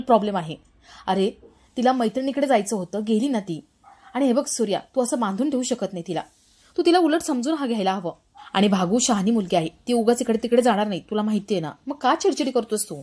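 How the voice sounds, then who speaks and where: A woman's voice: mid-range voice, darkish tone. A woman narrating a television serial recap, telling each scene and reading the characters' lines in her own plain voice. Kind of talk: storytelling recap, voicing all characters plainly.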